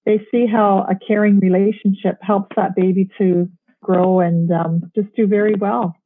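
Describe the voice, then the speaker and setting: A woman's voice: medium pitch, little pitch movement, moderate pace. A woman speaking for a program, giving explanatory interview answers with small restarts. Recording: tinny phone-like line.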